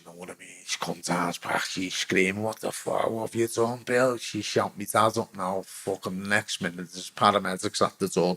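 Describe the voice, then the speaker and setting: Middle-aged man, Scouse accent, lowish voice, blunt and sweary, halting restarts, candid interview storytelling. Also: fairly bright tone. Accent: Liverpool Scouse. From England. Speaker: interviewee, former footballer.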